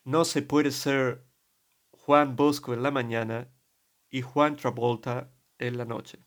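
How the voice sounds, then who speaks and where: A man imitating a good-humored English priest who speaks Spanish with an English accent, giving slow, emphatic advice. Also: medium pitch, fairly even intonation, lightly acted. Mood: advising.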